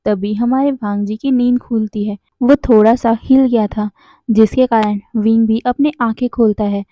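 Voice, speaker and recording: Mellow-voiced woman telling a story. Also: on the high side, steady tone, normal speed, dry recording, muffled recording. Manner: casual conversational storytelling, self-correcting. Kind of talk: narrating a fan story.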